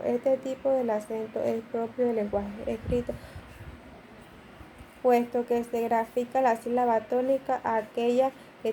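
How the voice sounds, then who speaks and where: Student woman reading her class report, higher voice, kinda flat delivery. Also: a little hiss or hum, poor audio. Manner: reads aloud, listing examples. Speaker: student presenter.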